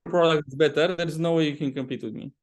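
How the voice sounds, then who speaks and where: His pitch is fairly high and his intonation fairly even, and he talks fast. The man, a property developer with a Romanian accent on a podcast, answers conversationally while regularly pausing and repeating words mid-sentence.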